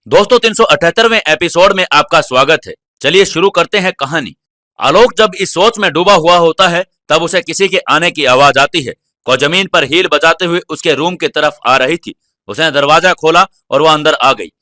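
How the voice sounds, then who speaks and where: A man narrates a serialized audio drama in a steady, even storytelling way. His voice sits slightly high and sounds bright and crisp, recorded dry and close with no room sound. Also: no room sound.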